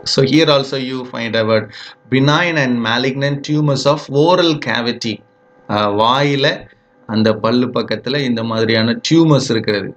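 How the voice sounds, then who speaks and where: A man with a Tamil accent teaching English vocabulary, repeating each word slowly to show how it is said. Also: medium pitch. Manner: slow, repeats words for pronunciation, mixes Tamil and English. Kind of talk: vocabulary lesson.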